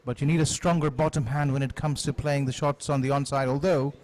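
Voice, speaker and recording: A man giving live cricket commentary in a measured, analytical manner. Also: medium pitch, steady tone, a little mellow, slight background noise.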